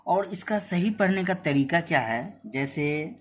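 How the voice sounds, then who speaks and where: A man's voice: a little high, animated, a bit bright. Man teaching decimals step by step. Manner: explains step by step, repeats himself, reads numbers out slowly. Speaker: math teacher. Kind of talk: whiteboard lesson.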